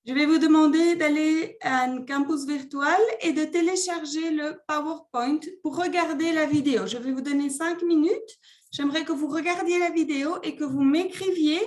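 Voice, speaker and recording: A woman French teacher runs her classroom with a high, light voice. She speaks slowly and deliberately, drilling each word so the students can echo it. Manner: slow, deliberate pronunciation drills. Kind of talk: classroom instruction.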